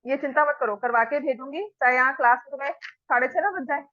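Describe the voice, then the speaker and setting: A woman's voice: high voice, sharp tone, no echo, dull audio. A woman with an Indian accent teaching a maths class in a classroom, working through steps aloud in a mix of Hindi and English. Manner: dictates steps slowly, mixes Hindi and English.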